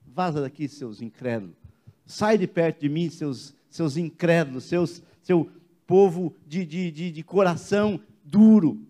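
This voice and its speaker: A man's voice: on the high side, measured pace, warm tone, voice pushed down, natural voice. A man voicing a stern Jesus who bluntly orders the doubters out of the room. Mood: dismissive. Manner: blunt, scolding.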